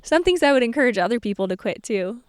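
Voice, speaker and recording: A woman's voice: fairly high pitch, animated, quick pace, clean tone, dry recording, studio quality. A woman in her twenties, co-hosting a podcast and talking in an earnest, candid, chatty way. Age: 20s. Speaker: podcast co-host. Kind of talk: casual chat.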